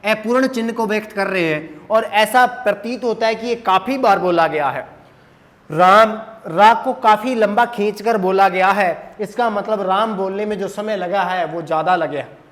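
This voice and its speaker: A man teaching a grammar lesson at a whiteboard, asking questions and answering them himself, repeating the key terms. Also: high-pitched.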